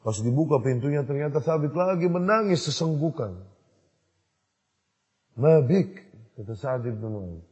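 Male preacher, husky voice in a hall. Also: medium pitch, lively intonation, a little slow, pauses often. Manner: storytelling, acting out dialogue, rising to loud emphasis. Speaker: Islamic preacher. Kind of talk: sermon. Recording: dull lo-fi recording in a reverberant hall.

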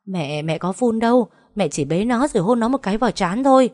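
A woman's voice: mid-range voice, lively intonation, a little fast, darkish tone, dry recording, studio quality, voice pushed up, natural voice. A woman voicing a timid older mother who stammers and pleads in her own defense. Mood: pleading.

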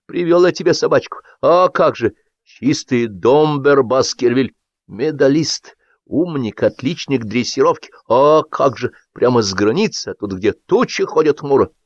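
A man's voice: high voice, sing-song, a little slow, gravelly, dry recording, pitched above the performer's own voice, heavily acted. A man voicing a fussy, blustering middle-aged man who turns flustered and pleading, in an audiobook reading. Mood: boastful. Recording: dull dry audiobook recording.

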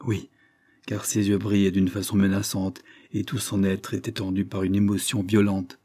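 Male narrator, measured, dark mellow tone, dry booth. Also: fairly low pitch, completely flat delivery, dry recording. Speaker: audiobook narrator. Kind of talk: scripted narration.

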